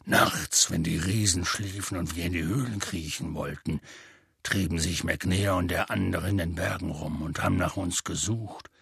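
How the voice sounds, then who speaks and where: A man voicing a huge, gruff half-giant gamekeeper in an audiobook, telling his story in a rough, folksy way. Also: steady tone, moderate pace, fairly bright tone, dry recording, studio quality, exaggerated voice. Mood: gruff storytelling. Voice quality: deep and gravelly. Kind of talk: audiobook character voice.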